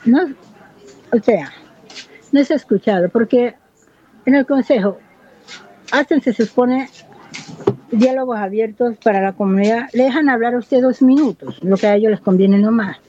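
A woman's voice: fairly high pitch, normal speed, pauses often, mellow, lo-fi sound, slight background noise. Earnest woman in her fifties. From Buenaventura, Colombia. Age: 50s. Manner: earnest, impassioned, reflective. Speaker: local resident. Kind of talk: interview testimony.

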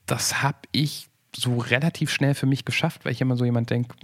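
A man's voice: medium pitch, steady tone, brisk. A man in his forties talking casually and thoughtfully on a podcast, rambling with frequent restarts and fillers. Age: 40s. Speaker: podcast co-host.

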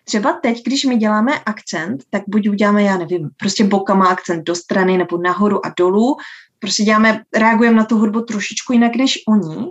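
A woman who teaches dance, answering interview questions in a slow, thoughtful way with many filler sounds. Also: mid-range voice, steady tone. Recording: dull lo-fi sound.

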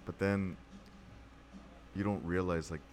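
A man's voice: low voice, fairly even intonation, takes it slowly. A young man, a podcast guest, chatting casually in a reflective, slangy way. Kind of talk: casual chat. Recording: clearly noisy background.

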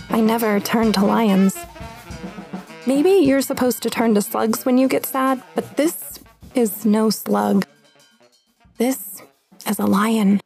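A woman performing a first-person spoken-word story, slow and deliberate, lingering on each image. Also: a little high, gravelly, a little mellow, husky, no echo.

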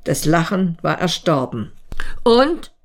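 A woman narrating a story in a measured, storytelling manner. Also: fairly low pitch, expressive, vocal fry. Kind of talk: audiobook reading.

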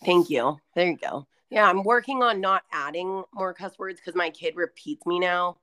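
A woman in her twenties co-hosts a podcast, telling stories in casual chat loaded with fillers. Her voice is lowish and sharp-toned, at a normal speed.

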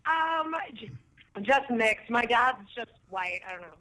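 A woman's voice: on the high side, expressive, unhurried, bright, forceful tone. A woman guest calling in by phone, chatting frankly and laughing easily. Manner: frank, laughing, filler-heavy. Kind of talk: casual chat. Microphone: phone line. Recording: phone line.

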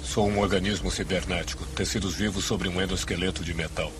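Male dub actor as a emotionless Brazilian-dubbed cyborg, deep, monotone. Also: fairly quick, noisy background, lightly acted. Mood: flat, cold. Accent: Brazilian Portuguese. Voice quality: flat, emotionless delivery. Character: stoic male cyborg bodyguard, flat and cold. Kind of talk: film dubbing. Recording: film clip with background sound.

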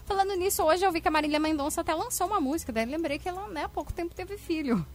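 A woman's voice: very high-pitched, racing, soft background music. A woman radio host, chatting casually with co-hosts and listeners.

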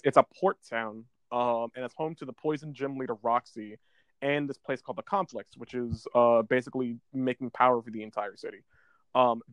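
A man's voice: medium pitch, a bit bright, dry recording. Podcast dude chatting about his game run, rambly and stumbly, mid voice, dry close mic. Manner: rambling, stumbles and restarts often. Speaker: podcast co-host. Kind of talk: casual chat about a video game.

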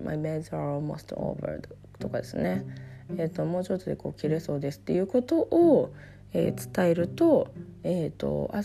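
A Japanese woman giving a relaxed English lesson while getting over a cough, with a hoarse voice and lots of fillers. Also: low voice. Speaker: English teacher. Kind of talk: casual spoken lesson. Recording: guitar music playing behind.

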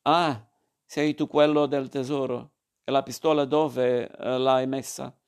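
A man's voice: medium pitch, fairly even intonation, takes it slowly, gravelly, a little mellow. A man voicing a spiteful old man in a storybook reading, with a taunting, sneering manner. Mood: jeering.

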